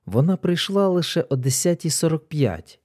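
A man voicing a calm, composed male detective who speaks low and matter-of-fact. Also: normal speed.

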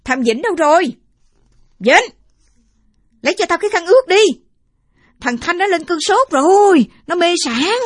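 A man voicing a caring old woman in an audiobook story, asking anxious, rapid questions and scolding tenderly. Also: extremely high pitch, animated, dry recording, studio quality, pitched above the performer's own voice. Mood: alarmed. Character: fretful, caring old woman who dotes on the boy. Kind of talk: audiobook character voice.

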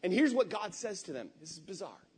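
A man pastor preaching a conversational sermon, animated and candid, swinging between loud emphatic bursts and quiet asides. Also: high voice, brisk, slightly rough. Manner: candid venting tone.

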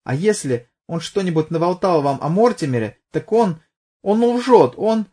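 A man's voice: high-pitched, expressive, normal speed, mellow, slightly rough, voice pushed up. A man voicing an evasive young woman under questioning who flares up in anger, in an audiobook. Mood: flaring up. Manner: evasive, hesitant, bursts out angrily.

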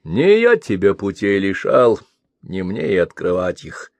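A man's voice: sits low, big pitch swings, unhurried, gravelly, a little mellow, no room sound, heavily acted. A male reader voicing a weary young warrior prince, curt and commanding. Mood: troubled.

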